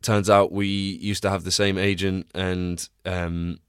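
A young man hosts a casual solo podcast from a small, cramped home recording space, rambling with many restarts and sounding tired and congested. His voice is low, clear and resonant, with a flat delivery and a slow pace. The recording has studio quality and no room sound.

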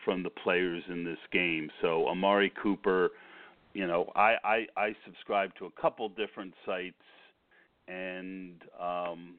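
A man's voice: low-pitched, no room sound. Under-the-weather man on a tinny phone line. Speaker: podcast host. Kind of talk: casual fantasy football commentary.

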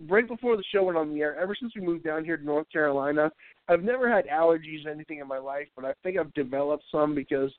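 A man's voice: on the high side, fast, no room sound. An American man with a congested, stuffy nose hosting a casual radio show, rambling and stammering in a jokey way. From New Hampshire, United States. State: congested, breathing through mouth. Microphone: thin mic curled close to face. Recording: thin phone-like line.

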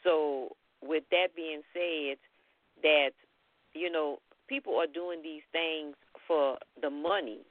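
A woman calling in to a talk show over a landline phone, giving measured, earnest opinions. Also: low voice, no echo. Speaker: caller. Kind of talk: call-in talk radio. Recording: tinny dry phone line.

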